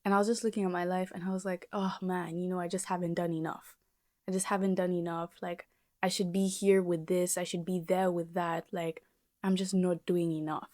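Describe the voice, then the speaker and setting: A woman's voice: lowish voice, flat delivery, a little fast, dark tone, no echo, studio quality. A twenty-year-old woman hosting a solo podcast, talking through her thoughts in a rambling, reflective way with lots of fillers. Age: 20s. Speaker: podcast host. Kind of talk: casual solo podcast monologue.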